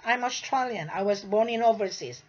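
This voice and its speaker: A gold sales agent born in the Philippines addresses traders straight to camera at a moderate pace, her medium-pitched voice emphatic as she lectures and repeats herself. The sound is lo-fi.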